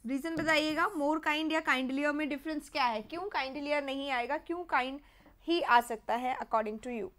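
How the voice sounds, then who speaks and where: Young indian woman running a live english class online, high bright voice, reads examples out slow. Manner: mixes Hindi and English, reads sentences slowly, quizzes viewers. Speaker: English teacher for competitive exams.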